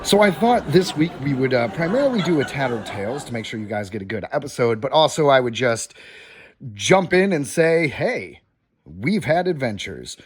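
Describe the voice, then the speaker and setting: A man's medium-pitched, slightly rough voice moves at a moderate pace with big pitch swings. He's a podcast host in a hotel room during a vacation, giving casual news updates and speaking straight to his listeners as "guys" in an informal way.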